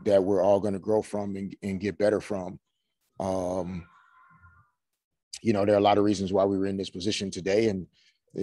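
A male head coach in his 40s answers questions at a postgame press conference in a small room in front of a team logo backdrop, heard through a video call webcam. His voice is low and dark, his delivery steady and measured but full of "you know" and "um." The sound is dry, with no echo.

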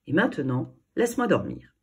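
A woman reading a storybook, voicing a no-nonsense girl who brushes off her brother's fears in a brisk way. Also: low-pitched, sing-song, a little mellow, slightly rough, distant mic, full character voice. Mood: impatient. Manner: brisk and dismissive. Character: no-nonsense girl, animal lover, big sister.

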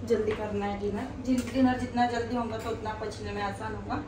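A woman's voice: medium pitch, little pitch movement, brisk, far from the mic. A woman chatting casually on a family vlog, cheerful and laughing as she talks about her dinner. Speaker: vlogger, wife and mother. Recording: echoey room with background noise.

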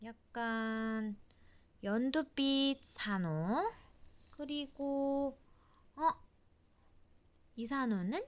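A woman's voice: high voice, very slow, long pauses, lo-fi sound. A woman reading a picture book aloud to her toddler, exclaiming in a sing-song way and asking playful, simple questions. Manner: exclaiming and sing-song, child-directed, polite simple sentences.

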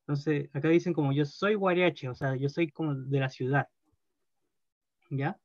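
Man, language teacher; slow and careful, keeps checking in with students; dry, muffled recording. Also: a little high, steady tone, darkish tone, dry recording. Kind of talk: online language class.

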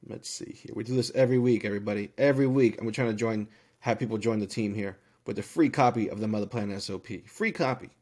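A man hosting a live stream, upbeat and hyped, rattling off viewers' numbers and quickly calling each one out. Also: on the low side, darkish tone. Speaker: host of a live-streamed Q&A show. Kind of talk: live-stream giveaway, reading viewer guesses aloud.

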